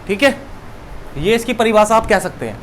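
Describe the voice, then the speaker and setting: High-pitched guy teaching a class, keeps repeating words and answering his own questions, bit of hiss behind. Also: expressive, normal speed, a bit bright. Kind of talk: classroom lesson.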